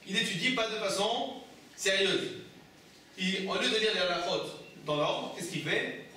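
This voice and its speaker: A man's voice: sits high, animated, a little slow, bright, forceful tone, a little hiss or hum. A man, a rabbi, teaching a Torah class, asking his students questions and answering them himself. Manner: explains texts with repeated phrases and restarts. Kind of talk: Torah study lesson. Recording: echoey room, mic far off.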